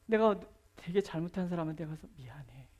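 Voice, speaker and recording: A middle-aged woman pastor preaching a sermon in a colloquial, storytelling way, swinging from loud emphatic lines to near-whispered asides. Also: on the low side, very animated, normal speed, breathy edge.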